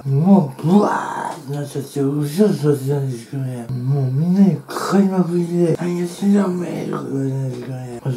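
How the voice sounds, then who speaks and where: An eating-show vlogger with a fairly high, slightly mellow voice tells rambling, chatty stories while he eats, speaking casually at home. The room sounds roomy, with faint background noise.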